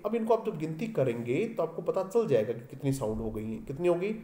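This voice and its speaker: A man's voice: a little high, sing-song, fairly quick, dark tone, reverberant. A male teacher with an Indian English accent giving an exam-prep lecture, repeating each point and quizzing his students as he goes.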